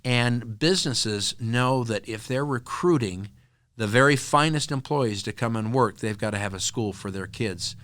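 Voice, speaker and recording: A man guest on a podcast, telling stories in an earnest, animated conversational way. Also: medium pitch, moderate pace. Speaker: podcast guest, nonprofit co-founder. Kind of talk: conversational interview storytelling.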